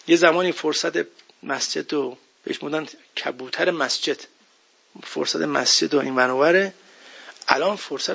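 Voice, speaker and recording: A man delivers a religious sermon in an emphatic, conversational style and keeps asking his listeners questions. His voice sits somewhat high for a man and is husky and gravelly. The recording sounds dull and lo-fi. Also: fairly bright tone. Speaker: preacher.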